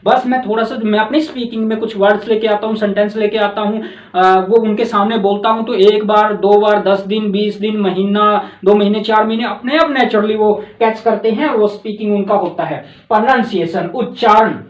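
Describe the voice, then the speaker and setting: A man's voice: high voice, fairly even intonation, normal speed. A man from Haryana, a tuition teacher explaining his teaching methods in an earnest way, repeating key words as he goes. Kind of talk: explanatory talk. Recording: roomy, dull lo-fi sound.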